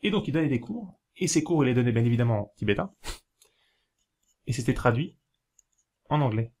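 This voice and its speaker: Man, from France, casual talk to camera, rambling, hesitant, lots of fillers, mid-pitched voice. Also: animated, a little mellow. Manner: rambling, hesitant, many fillers and self-corrections; explains slowly, spelling things out while writing. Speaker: video host giving learning tips.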